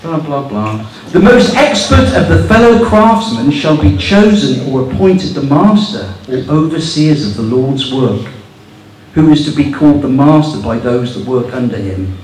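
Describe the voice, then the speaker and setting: A man's voice: medium pitch, sing-song, normal speed, a little mellow. Mocking stand-up man in an echoey club. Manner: mocking, incredulous, swears for laughs. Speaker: stand-up comedian. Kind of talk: stand-up set reading rules aloud. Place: small club stage with audience laughter. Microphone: handheld mic on stand. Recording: echoey room recorded from far off.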